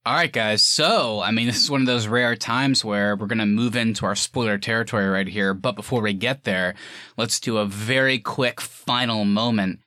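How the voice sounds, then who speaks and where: A man's voice: on the low side, normal speed, bright, forceful tone, no echo, studio quality. A man hosting a casual film review chat, talking in an informal, enthusiastic way. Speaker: podcast host.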